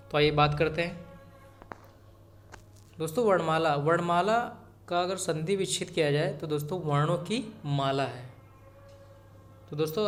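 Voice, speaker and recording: A man teaching an exam-prep grammar lesson, greeting viewers as friends and repeating each key point so they remember it. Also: a little high.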